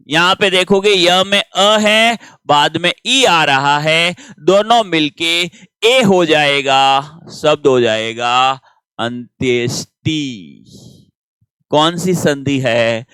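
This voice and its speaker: A man's voice: a little high, bright, forceful tone, clean tone, dry recording. A man teaching grammar in a patient classroom manner, asking questions and answering them himself.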